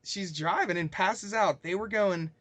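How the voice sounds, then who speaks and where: A man co-hosting a podcast who tells a story in casual chat, rambling with plenty of fillers. His voice sits fairly high and sounds dry and close to the mic. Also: measured pace, fairly bright tone, no room sound. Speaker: podcast co-host.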